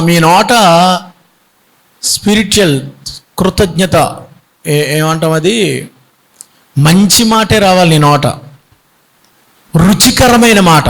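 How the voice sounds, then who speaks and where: A middle-aged man preaches a Sunday sermon as a bishop, his voice sitting high for a man. He talks in an animated way, often throwing rhetorical questions out to the congregation. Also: rough recording.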